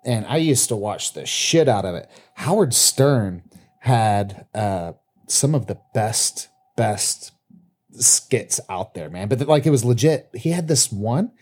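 Male co-host, mellow low timbre, rambling and profane, halting delivery. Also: animated. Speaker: podcast co-host. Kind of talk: casual chat.

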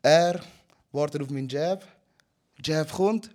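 Loud, lively Swiss German fighter. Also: male voice, fairly high pitch, slow pace. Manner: lively storyteller, loud and animated, mixes in English words. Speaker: guest, MMA fighter. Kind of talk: casual chat.

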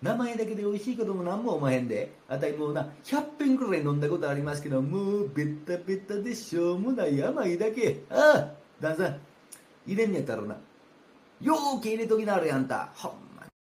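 Kansai snob guest, high-ish scornful drawl, lively pitch, roomy sound, man doing rakugo. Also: brisk. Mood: boastful. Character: snobbish boastful male guest, picky eater. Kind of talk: rakugo storytelling. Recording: roomy with faint ambience.

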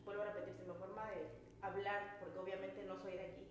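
A woman's voice: mid-range voice, little pitch movement, fast. A woman employee frankly recounting a misunderstanding and apologizing for her blunt way of speaking. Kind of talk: explaining and apologizing in a staff meeting. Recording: echoey room, mic far off, faint noise.

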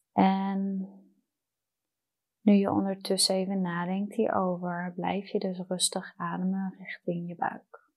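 A woman guiding a meditation in a soft, soothing, unhurried manner with long pauses. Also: mid-range voice, poor audio. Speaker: meditation guide. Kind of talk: guided meditation.

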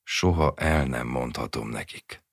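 A man reading the part of a worn-out, short-tempered working man who talks curtly and gruffly. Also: very deep voice, no echo, clean studio sound, full character voice. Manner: curt and gruff.

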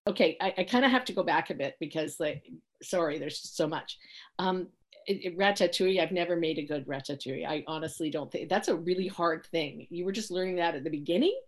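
A woman's voice: fairly low pitch, brisk. A woman interviewing a guest in a chatty, casual way, with easy laughs and apologetic asides.

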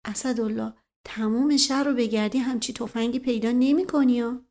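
A woman voicing a sly, joking middle-aged prince who talks in a soft, conspiratorial, teasing way. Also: a little high, fairly even intonation, natural voice.

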